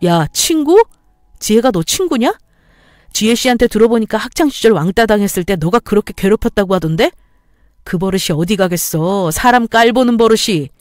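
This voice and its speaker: A woman voicing a cheating, resentful husband who shouts and sneers, in a story-radio reading. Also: medium pitch, brisk, dry recording, clean studio sound, soft background music, close to an everyday voice. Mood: mocking.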